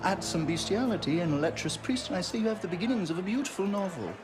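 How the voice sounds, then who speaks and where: Speaking quickly in a high, expressive voice, an actor portrays a scheming, theatrical middle-aged man who rules as king of thieves. He drawls and taunts sardonically through a game cutscene set over music.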